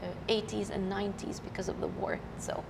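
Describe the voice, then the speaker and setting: Gravelly-voiced woman from Lebanon. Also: mid-range voice, level tone, in a large hall, background noise. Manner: warm, unhurried storytelling with fillers. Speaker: guest, professional violinist. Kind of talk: casual interview chat.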